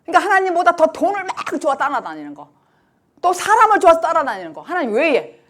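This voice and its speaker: A woman's voice: very high-pitched, fast. A woman pastor preaching a sermon emphatically, sometimes acting out the cries of the people she describes. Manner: emphatic, lively preaching that acts out the blind man's cries.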